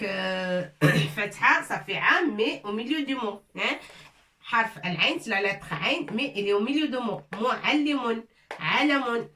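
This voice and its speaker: A woman's voice: on the high side, bright, forceful tone, a little hiss or hum. A woman teaching an Arabic lesson to a class in French, patiently repeating sounds and mixing in Arabic words. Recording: echoey room, from a distance.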